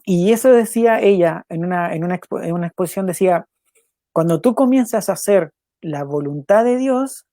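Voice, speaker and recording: A man's voice: sits high, warm tone, no echo. A young man hosts a devotional program, talking in an earnest, conversational way and often repeating his points. His voice is recorded close and dry, with no room sound around it. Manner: earnest, repeats phrases, quick asides, laughs now and then. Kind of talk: casual devotional talk and spoken prayer.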